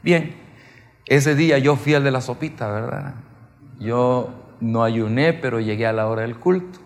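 A man preaching a sermon, telling stories with emphasis and swinging from soft to loud. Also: mid-range voice, unhurried, vocal fry, long reverb tail.

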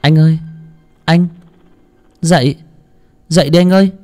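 A man voicing a caring middle-aged mother who advises gently and calls out urgently. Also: on the high side, steady tone, unhurried, voice pushed up, natural voice. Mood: frantic. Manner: tender advice, then urgent calling.

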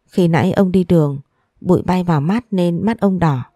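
A woman's voice: on the low side, moderate pace, warm tone, no room sound, clean studio sound, close to an everyday voice. A woman voicing a kind, reassuring older grandfather in a storybook reading.

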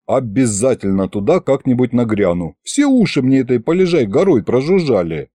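A man voicing a brisk, sly old village witch woman who talks in a folksy, scolding, teasing way, in a storybook reading. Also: medium pitch, sing-song, mellow, no echo, clean studio sound. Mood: surprised.

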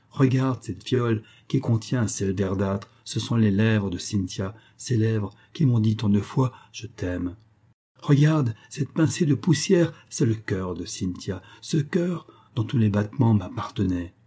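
A man's voice: lowish voice, expressive, unhurried, mellow, slightly rough. A man reading a grieving old professor. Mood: brooding. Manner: mournful, brooding storytelling. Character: grieving old male professor, obsessed with matter.

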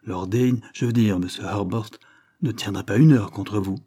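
A man reading aloud voices a cautious, deferential country lawyer who speaks politely and in measured terms. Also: lowish voice, mellow, slightly rough, no room sound, studio quality.

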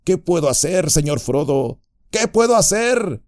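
A man voicing a loyal young male hobbit servant, earnest and excitable. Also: a little high, normal speed, no echo, studio quality, voice pushed up. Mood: alarmed. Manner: excitable, self-scolding.

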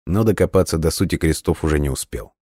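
Deep-voiced male audiobook narrator. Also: quick pace, no room sound, studio quality. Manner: steady storytelling reading.

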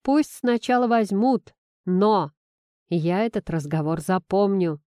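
A woman's voice: medium pitch, lively intonation, slow, warm tone, smooth, no echo. A woman voicing a stern but fond middle-aged male boss who talks in a dry, teasing way and sighs a lot. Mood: wry.

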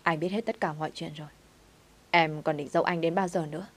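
Lady voicing an insistent young guy who pleads, lowish voice, storybook read. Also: fairly even intonation, fairly quick. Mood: pleading. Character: pleading young man, devoted father.

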